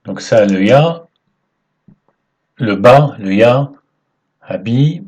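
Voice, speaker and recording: A man teaching the alphabet in French, patient and halting, often checking in with "ok?" as he writes. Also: mid-range voice, darkish tone, slightly rough, dull audio. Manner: slow, halting delivery with fillers. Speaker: Arabic teacher. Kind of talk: whiteboard lesson explaining letters.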